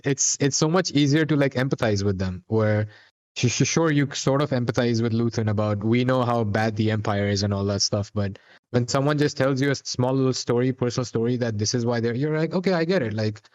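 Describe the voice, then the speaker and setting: A man co-hosting a podcast, recapping a TV episode in a rambling, casual chat full of fillers and restarts. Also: mid-range voice. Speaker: podcast co-host.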